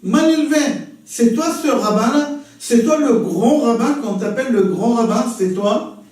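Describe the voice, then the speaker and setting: A brash, insolent man peppers a patient sage with questions in a mock-polite tone, voiced by a man telling the story. The voice is fairly high yet mellow. It rings through a very echoey room, picked up from a distance. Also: normal speed. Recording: very echoey room, far from mic.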